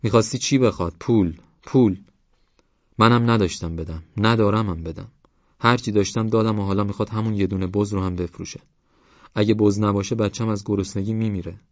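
A desperate village mother wailing and pleading, her voice pushed up high and loud, as a male narrator puts her on. She sounds shrill and worn out, begging for help. The recording is dry and slightly dull. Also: fairly even intonation, dry recording, natural voice. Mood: lamenting.

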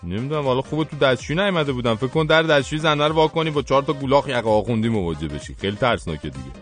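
A man's voice: mid-range voice, lively intonation, faint music behind. A man hosting a radio show, answering a listener with wry, mock-solemn quips. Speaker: radio host. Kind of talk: radio comedy chat.

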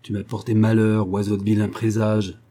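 A man voicing a furious, miserly old male farmer who shouts and stammers with rage. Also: lowish voice, completely flat delivery, normal speed, close to an everyday voice. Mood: ranting.

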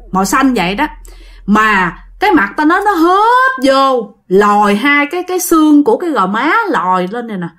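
A woman's voice: on the high side, a bit bright. A woman, the channel's host, telling listener ghost stories in a chatty way and addressing her audience directly. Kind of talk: casual ghost-story narration.

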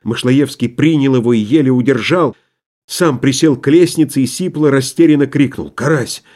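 A man reading a novel aloud as an audiobook narrator, with a measured, dramatic storytelling manner. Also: medium pitch, darkish tone.

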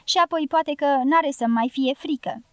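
A woman's voice: high voice, no echo. A woman reading a sad, shy young man. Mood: ashamed sad. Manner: sad, ashamed, subdued. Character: grieving young male former bullfighter, shy.

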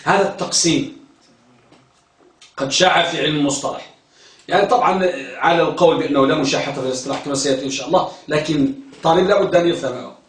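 Male lecturer, high voice, heard from a distance in a roomy classroom, quizzes and repeats terms. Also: very fast, long pauses. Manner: questioning, repeats key terms, tells students to focus. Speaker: teacher of hadith terminology. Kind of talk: classroom lecture with questions to students.

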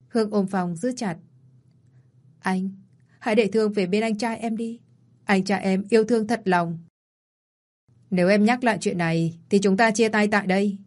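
A woman narrating a romance story in the first person, reading every character's lines in her own even voice. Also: mid-range voice. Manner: reads all the parts in one even voice. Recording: soft music behind the voice.

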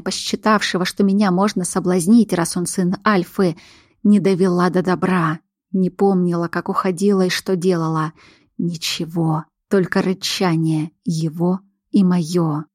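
A woman's voice: fairly low pitch, a little mellow, no room sound. Dramatic woman audiobook narrator, dry sound.

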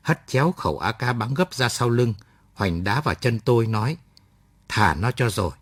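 A man reading a story aloud at night with measured, expressive storytelling. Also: mid-range voice, no room sound. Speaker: story narrator.

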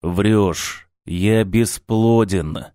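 A man's voice: fairly low pitch, very slow, mellow, clear, resonant tone. A man voicing a bitter, betrayed man who speaks curtly and harshly, in a storybook reading. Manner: curt, harsh, contemptuous.

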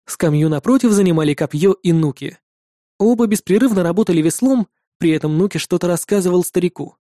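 A man reading a first-person fantasy adventure in a steady storytelling manner. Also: high-pitched, fairly quick, dry recording, clean studio sound. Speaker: audiobook narrator.

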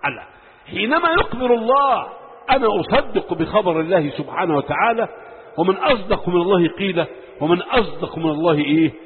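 A man's voice: on the high side, expressive, fast talker, slight background noise. Egyptian male preacher, quizzing style, lo-fi telephone-like sound, long hall reverb. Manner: asks the audience questions and answers them himself. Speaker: sheikh teaching Quran commentary. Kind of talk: religious lesson.

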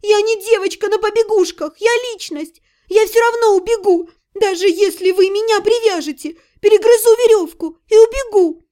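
A woman's voice: normal speed, warm tone. A woman voicing a rebellious teenage younger sister who whines and cries as she argues. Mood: tearful. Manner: crying, whiny, shrill.

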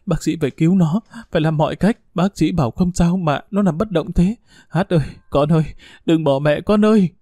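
A man's voice: fairly high pitch, lively intonation, fairly quick, mellow, no room sound. Brief: male narrator as a distraught middle-aged mother in an audio story, sobbing and pleading, dry close sound. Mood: pleading, frantic.

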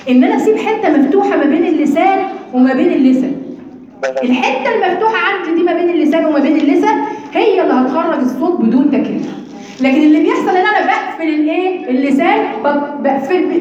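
A woman with an Egyptian Arabic accent teaching Quran recitation to a class, lively and demonstrating sounds. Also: high voice. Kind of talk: lecture to students. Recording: very echoey, dull lo-fi sound.

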